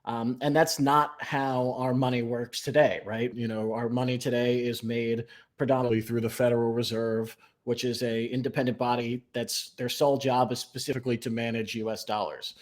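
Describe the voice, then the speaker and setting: A man appearing as a podcast guest, explaining his ideas in a measured way with frequent "um" and "you know". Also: mid-range voice, little pitch movement. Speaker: guest, newsletter writer. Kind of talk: explanatory interview talk.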